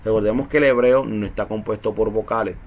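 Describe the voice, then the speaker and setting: A man's voice: fairly low pitch, fairly even intonation, fast, highs cut off. A man teaching a Bible study in Spanish, explaining patiently with rhetorical questions and frequent repetition.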